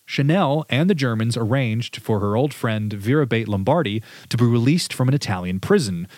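A man's voice: medium pitch, expressive, moderate pace, a little mellow, dry recording. A man hosting a history podcast, chatting casually and reading out quotes from his sources. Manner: conversational, reads quotes from sources. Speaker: podcast host.

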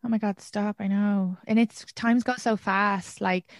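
A woman's voice: medium pitch, steady tone, measured pace, no room sound. A woman, hosting a casual podcast chat. She is chatty and laughs often. The voice sounds dry and close to the mic. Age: 30s. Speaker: podcast host.

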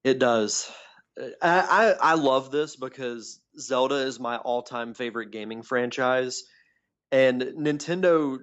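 A man co-hosting a casual podcast, calling in by phone so his voice sounds tinny and metallic, chatting eagerly like a fan. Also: mid-range voice. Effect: tinny phone-line sound. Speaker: podcast co-host. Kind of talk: casual chat. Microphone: phone call. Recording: dull lo-fi phone line.

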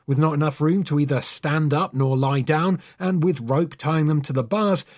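A man narrating a story in a measured, dramatic storytelling manner. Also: mid-range voice, slightly rough. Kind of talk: scripted true-crime style story narration.

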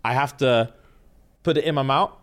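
A man's voice: mid-range voice, moderate pace. A man, co-hosting a podcast in casual banter and laughing often. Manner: animated, laughs often, London slang. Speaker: podcast co-host. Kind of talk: casual chat.

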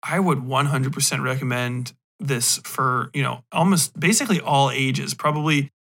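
A male podcast host's medium-pitched, fairly bright voice moves at a moderate pace. He rambles through an informal, unscripted review, speaking emphatically and swearing in slang.

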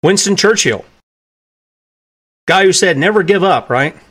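A man preaches on a sermon-style podcast, earnest and emphatic, pressing his points hard with plain, folksy phrasing and repeating key lines for weight. His voice sits high with lively intonation, unhurried and a bit bright, and sounds slightly rough.

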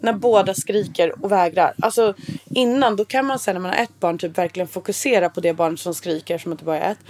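A woman's voice: fairly low pitch, a little mellow. Frank, down-to-earth woman podcaster. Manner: frank and down-to-earth, swears casually. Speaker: podcast co-host. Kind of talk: casual podcast chat.

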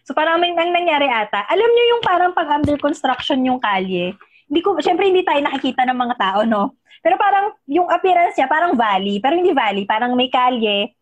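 A young woman with a fairly high voice retells a friend's story in relaxed, casual chat with many fillers. The sound is a little dull and muffled.

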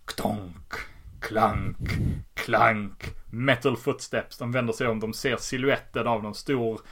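A man's voice: mid-range voice, fairly even intonation. A man who animatedly retells the plot of a comic in a casual chat, often laughing as he goes. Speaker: podcast host. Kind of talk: casual comic book recap.

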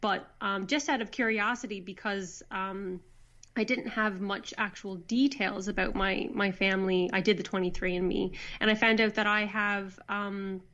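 A woman's voice: mid-range voice, steady tone, normal speed, fairly bright tone. A woman from Newfoundland with an Irish-tinged Newfoundland accent, chatting casually as an interview guest. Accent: Newfoundland with Irish colouring. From Newfoundland, Canada. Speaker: interview guest, online video creator. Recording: dull, lo-fi internet call.

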